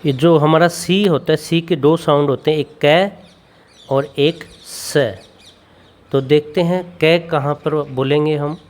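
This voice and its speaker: A man's voice: fairly high pitch, steady tone, slow pace, a little mellow. A man teaching English pronunciation, reading word lists one by one and repeating his questions for the learner. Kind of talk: slow classroom phonics drill.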